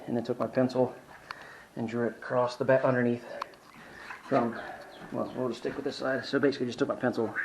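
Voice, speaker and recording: A man's voice: mid-range voice, vocal fry, a little mellow, slight background noise, rough recording. A young man chatting casually while building in a hot workshop, out of breath, rambling and self-deprecating, swearing when frustrated, filmed on a handheld camera. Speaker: woodworking vlogger.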